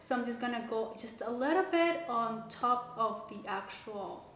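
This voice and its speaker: A woman giving a casual step-by-step craft tutorial, talking in a relaxed way with many fillers and restarts. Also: a little high, moderate pace. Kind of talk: casual how-to instruction. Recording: echoey room with faint background noise.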